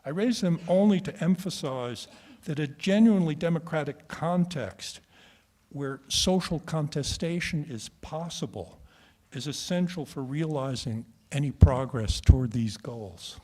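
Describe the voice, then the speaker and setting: A man's voice: fairly high pitch, expressive, mellow. Formal male conference moderator. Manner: formal, measured reading. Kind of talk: prepared formal address. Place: conference room.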